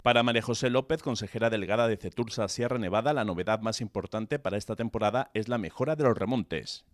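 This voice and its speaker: A man reading a scripted news voice-over in an even, formal way. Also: on the low side, quick pace, slight background noise. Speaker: news narrator.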